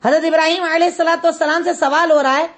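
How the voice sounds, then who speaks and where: A woman teaching an Islamic lesson, retelling a prophet's story with lively storytelling and rhetorical questions. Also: extremely high pitch. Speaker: religious teacher.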